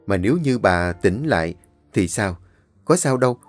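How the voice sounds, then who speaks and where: A man narrating a story, reading in a steady, measured way. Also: fairly low pitch, no echo, faint music behind.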